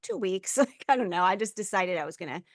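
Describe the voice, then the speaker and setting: A middle-aged woman hosting a casual podcast, talking about her own poker start in a rambling, relaxed way. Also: lowish voice, fast, dry recording, clean studio sound. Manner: rambling, self-interrupting, relaxed. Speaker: podcast host, poker player. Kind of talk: casual interview chat.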